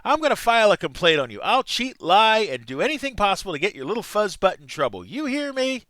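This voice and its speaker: A mouthy, sarcastic young woman driver from an old video game, tossing insults at a traffic cop, as a man reads her lines aloud. The voice is bright and close, with a dry, dead sound. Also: high voice, sing-song, fast, dry recording. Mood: scornful.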